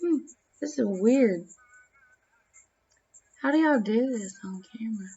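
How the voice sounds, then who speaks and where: A woman's voice: a little high, lively intonation, slow, dark tone, highs cut off, slight background noise. A woman telling a rambling, profane family story to camera in a casual vlog, a little self-conscious. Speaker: vlogger.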